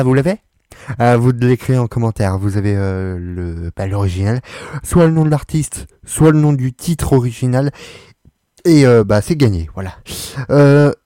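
A man hosting a radio show in a casual, joking way, stumbling over his words and filling pauses as he goes. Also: medium pitch, mellow, no echo, studio quality. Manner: halting, full of fillers and restarts; joking, self-mocking. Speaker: radio host.

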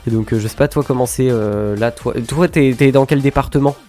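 A man's voice: mid-range voice, fairly quick, warm tone, soft background music. A man hosting a radio show in casual on-air chat, talking in a hesitant way with many fillers and restarts. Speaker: radio host. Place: radio studio.

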